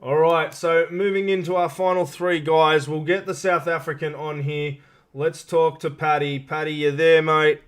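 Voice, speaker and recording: A man's voice: a little high, fairly even intonation, moderate pace, clean tone. A man hosting a casual live interview show, matey and informal, feeling his way through questions.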